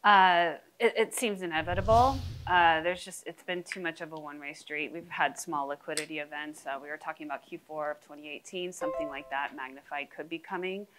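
A woman in her thirties, a research head, giving measured, frank answers on a conference stage through a lapel mic. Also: deep voice, steady tone, rough recording. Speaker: head of international research on a panel. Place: conference stage before a live audience.

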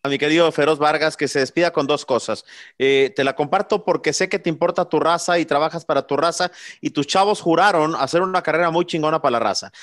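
A man's voice: fairly high pitch, fast, a bit bright. Chummy Mexican-accented male host. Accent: Mexican Spanish. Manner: chummy, religious, uses slang and swearing. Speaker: boxing show host. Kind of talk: casual interview.

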